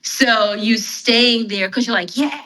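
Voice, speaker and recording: Bright-voiced woman with a South African accent. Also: medium pitch, a little slow, slight background noise, rough recording. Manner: explains with frequent "like" fillers. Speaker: podcast guest. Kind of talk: casual explanatory chat.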